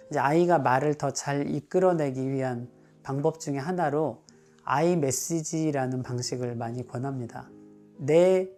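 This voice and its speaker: A male psychiatrist calmly explaining advice for parents, now and then acting out what a parent or child would say. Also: on the high side.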